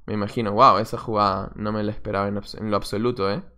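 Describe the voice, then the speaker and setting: A young man who coaches chess talks over his own game live, muttering moves and chatting with viewers from a desk webcam in a small room. His voice sits on the low side, level in tone, bright and forceful, and he talks fast.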